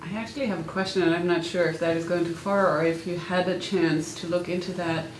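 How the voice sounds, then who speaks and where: A woman's voice: lowish voice, fairly even intonation, fast talker. A woman academic posing a tentative question in a group discussion, rephrasing as she goes. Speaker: academic, Europeanist. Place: small indoor meeting room. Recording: echoey room, faint noise.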